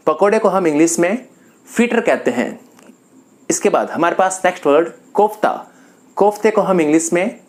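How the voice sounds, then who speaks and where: A man from Rajasthan teaching a vocabulary lesson, calmly going through a word list and repeating each term. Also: fairly high pitch. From Rajasthan, India. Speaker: English teacher.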